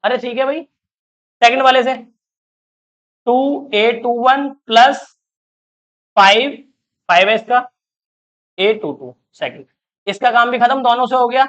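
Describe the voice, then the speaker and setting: Measured in pace with long pauses, a man's very high, fairly bright voice leads an online math lecture, the highs cut off. He counts terms and explains each step aloud, constantly asking whether students follow and coaxing their questions.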